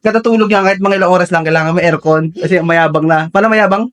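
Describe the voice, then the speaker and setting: A man's voice: high-pitched, fast, fairly bright tone. A man vlogging at home in a bedroom with his small child, teasing and joking while stuffy with a cold. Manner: playful and teasing, laughs often. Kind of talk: casual home vlog.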